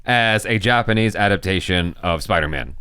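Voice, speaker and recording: Man, reaction co-host, playful and jokey, bright, dry close sound. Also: deep voice, normal speed, clean tone, no room sound. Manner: playful, jokey, lots of fillers. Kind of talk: casual reaction chat.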